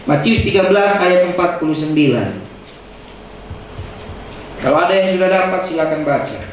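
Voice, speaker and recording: Preaching man in an echoey church hall. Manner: emphatic preaching with sudden high dramatic outbursts and rapid asides. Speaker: pastor. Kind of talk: sermon. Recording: echoey hall, distant mic, faint noise.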